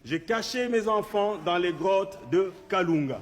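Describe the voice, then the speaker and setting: A man's voice: high voice, expressive, a little slow, long reverb tail. A man recounting family stories in a documentary interview. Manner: anecdotal, recounting family lore. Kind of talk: storytelling in a documentary.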